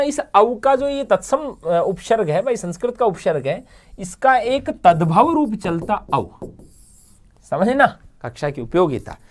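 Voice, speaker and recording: A man teaching a Hindi grammar lesson. He dictates example words slowly, asks the class questions and answers them himself, and urges viewers to repeat each word aloud with him. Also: high-pitched.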